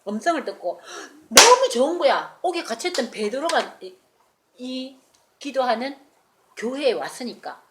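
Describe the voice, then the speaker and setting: Lively woman telling a bible story to kids. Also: sits high, moderate pace, slight background noise. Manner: animated, asks the children questions. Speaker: children's Bible teacher. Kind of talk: children's sermon storytelling.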